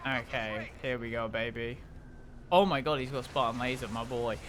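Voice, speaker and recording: A young man streaming a game, rambling in casual commentary, swearing freely and breaking into excited outbursts. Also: mid-range voice, moderate pace, slight background noise.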